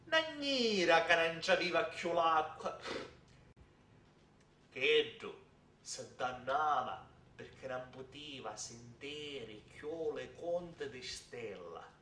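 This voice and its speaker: A man with a southern Italian, Sicilian accent telling a tale theatrically, with dramatic repetitions and pauses. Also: fairly high pitch, lively intonation, sharp tone. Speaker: theatre storyteller. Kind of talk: theatrical oral storytelling in Sicilian dialect. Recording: echoey room, distant microphone.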